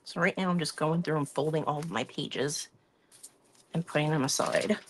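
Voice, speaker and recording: A woman's voice: low voice, steady tone, moderate pace, breathy edge. A woman hosting a craft live stream, chatting casually and rambling about her week while she works at her craft table. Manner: chatty, rambling, talks through her hands-on work.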